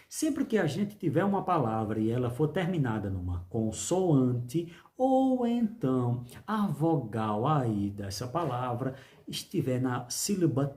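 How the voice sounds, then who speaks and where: A man leads an online grammar lesson. His pitch jumps high and low as he coaxes learners along. He keeps checking in with quick rhetorical questions. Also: a little mellow. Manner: upbeat, coaxing, quizzes with rhetorical questions. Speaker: Portuguese teacher.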